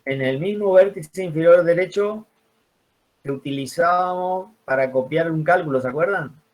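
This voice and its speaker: A man's voice: fairly high pitch, moderate pace, darkish tone. Patient man teaching a spreadsheet class. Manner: patient, explanatory, poses questions to the class.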